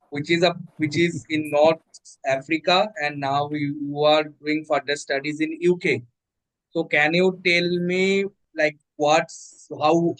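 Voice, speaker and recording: A man's voice: on the high side, fairly bright tone, low-quality recording. A man hosting a podcast, asking interview questions with hesitant fillers. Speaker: podcast host.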